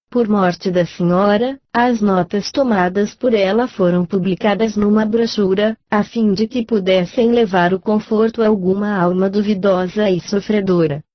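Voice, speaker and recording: A female reader narrates a book aloud, calm and measured, in a mid-range voice. The recording is dull and lo-fi, dry with no room echo.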